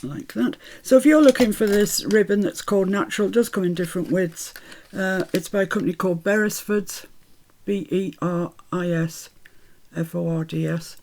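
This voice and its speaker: Speaking at a normal speed in a mid-range, darkish voice, she's heard over a little hiss or hum. The Scottish-born craft host's accent is a British mix picked up in the Midlands, and she laughs a lot while cheerfully talking viewers through her work.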